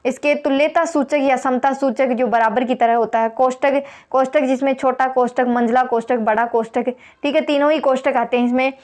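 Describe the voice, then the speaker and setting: A woman's voice: sits high, fairly even intonation, darkish tone. A woman teaching an exam prep lesson, explaining step by step and repeating the key points. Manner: reads examples slowly.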